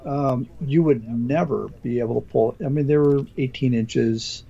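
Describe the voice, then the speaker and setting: In a dull, lo-fi recording, a podcast host chats casually, asking questions and frequently interjecting while his voice gives out and he clears his throat. His medium-pitched voice is mellow and slightly rough, with vocal fry, and he talks a little slowly.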